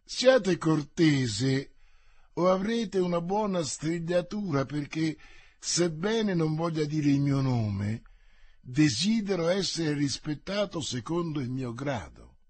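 A man's voice: on the high side, lively intonation, slow, a little mellow, slightly rough, dry recording, full character voice. A man voicing a haughty nobleman used to giving orders, in an audiobook. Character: haughty commanding nobleman leading armed riders.

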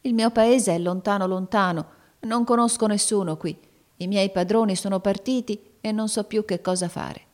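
A woman's voice: fairly high pitch, moderate pace, darkish tone, pitched above the performer's own voice, natural voice. A woman voicing a naive young servant girl in a storybook, speaking with a trembling, tearful voice. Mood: grateful.

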